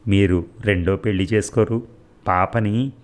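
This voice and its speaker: A man's voice: fairly low pitch, fairly even intonation, measured pace, a little mellow, natural voice. A man voicing Radha, a feverish grieving young wife.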